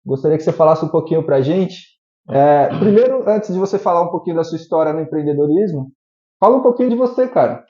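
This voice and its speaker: A fairly high-voiced man hosts a casual interview, eager and leaning on little fillers as he talks. His tone is dark and mellow. The sound is muffled and echoes around a bare room. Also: expressive, fast. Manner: enthusiastic, uses many fillers like "né" and "aí". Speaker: host.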